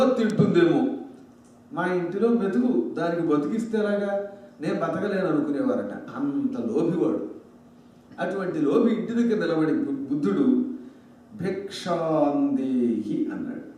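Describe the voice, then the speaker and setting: High-voiced preacher in an echoey hall. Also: male voice, a little fast. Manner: lively, humorous asides. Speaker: religious discourse speaker. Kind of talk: storytelling sermon. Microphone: microphone. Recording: very echoey hall, distant mic.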